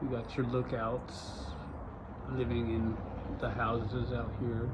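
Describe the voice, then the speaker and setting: By a road outdoors, an Arizona man records his vlog, his medium-pitched voice slow and completely flat. Even so, his talk is urgent, repetitive and emphatic. The lo-fi recording carries loud outdoor noise.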